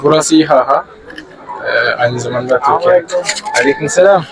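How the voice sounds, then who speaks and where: A man with a fairly high voice narrates a casual vlog and stops to interview people. He is not a native speaker and builds his sentences haltingly. A busy crowd chatters around him. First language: not Turkish. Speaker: vlogger interviewing student clubs. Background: crowd at a student club fair.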